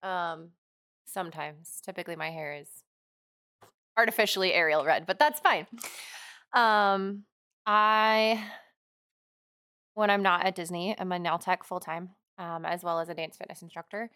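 A woman's voice: lowish voice, steady tone, unhurried, pushed and bright, clear, resonant tone, dry recording, clean studio sound. A young woman from Oregon, a podcast co-host, chatting in an easygoing way with lots of ums. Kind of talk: casual chat.

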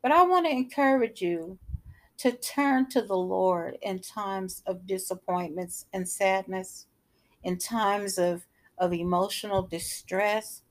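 Slow, earnest woman preaching. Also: medium pitch. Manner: slow, earnest, repeats phrases for emphasis. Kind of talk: devotional sermon.

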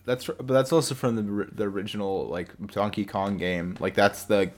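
A man's voice: fairly low pitch, fairly even intonation, a little fast, a little hiss or hum. A young man co-hosting a podcast over a video call, talking casually in rambling bursts with restarts. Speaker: podcast co-host. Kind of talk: casual chat. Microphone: remote call mic.

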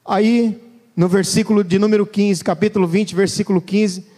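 A man preaching a sermon in a church, turning from loud emphasis to hushed, low words as he reads scripture. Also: steady tone, moderate pace. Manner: dramatic, swings between loud and hushed low voice. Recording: long church reverb.

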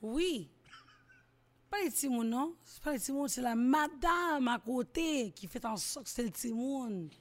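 A young woman with a Québécois accent chatting as an interview guest, animated and slangy, dropping English phrases into her talk. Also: sits high, moderate pace. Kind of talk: casual interview chat.

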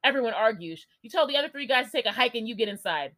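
A young woman hosting, reading a gamebook aloud with lively delivery and swearing, joking asides. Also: fairly high pitch, very fast, poor audio. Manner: lively, swears and jokes between passages. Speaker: host.

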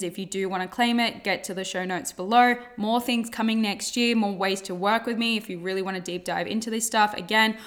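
A woman with a mid-pitched voice delivers an informal motivational podcast monologue. She cannot quite say her R's, which come out close to W's. Her talk is emphatic and coach-like, circling back on phrases and swearing casually. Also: fairly bright tone. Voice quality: cannot pronounce R's properly, r sounding like w.

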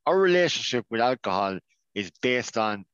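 A man's voice: mid-range voice, sing-song, normal speed, a bit bright, clean tone, no echo. An Irish man talking earnestly as a podcast guest, often restarting his sentences. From Ireland. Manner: earnest, many restarts and fillers. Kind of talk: casual conversation. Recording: dull, dry sound.

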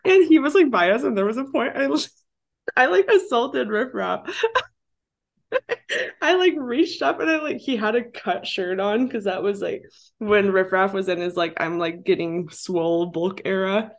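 A woman's voice: a little high, animated, unhurried, gravelly. Giggly twenties woman hosting a podcast, chatty, lots of "like". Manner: giggly, says "like" a lot. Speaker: podcast host. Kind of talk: casual chat.

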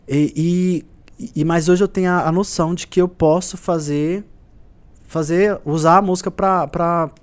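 Guy from goias on a podcast, kinda high voice, earnest and repeats himself a lot. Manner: earnest, repetitive storytelling. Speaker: musician guest. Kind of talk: casual podcast conversation.

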